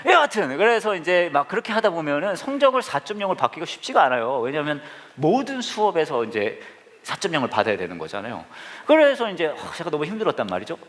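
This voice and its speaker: Male pastor, quick animated jokey sermon delivery, slightly high voice. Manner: jokey, self-deprecating, animated. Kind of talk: humorous storytelling sermon. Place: church service with live congregation.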